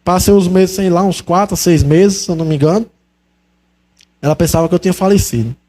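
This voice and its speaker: Young man, high mellow voice, fervent and emotional testimony speaker. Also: fast. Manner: fervent, exclaims praise often. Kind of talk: religious testimony.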